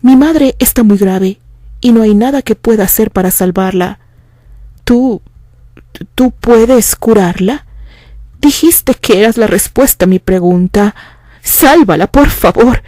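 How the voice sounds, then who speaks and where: A woman's voice: medium pitch, measured pace, dark tone, dry recording, lightly acted. A woman voicing a troubled young man who pleads and defends himself, his voice breaking as he speaks. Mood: pleading.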